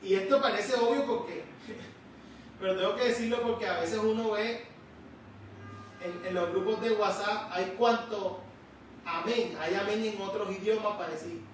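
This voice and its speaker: A man preaching a sermon in a church, slowly and emphatically, stretching out key words. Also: sits high, steady tone, slight background noise. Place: church sanctuary. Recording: echoey church hall, distant mic.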